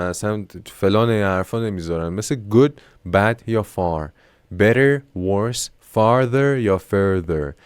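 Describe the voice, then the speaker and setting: A man teaching an English lesson online in Persian. He reads the English examples slowly and explains the grammar. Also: fairly low pitch, a little mellow, smooth, no echo. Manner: self-mocking aside.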